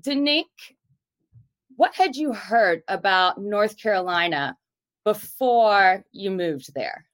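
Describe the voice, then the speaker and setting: A woman's voice: mid-range voice, lively intonation, slow pace, fairly bright tone, dry recording. A woman hosting an interview, welcoming guests and asking them questions in an upbeat way. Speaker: recruiter, interview host.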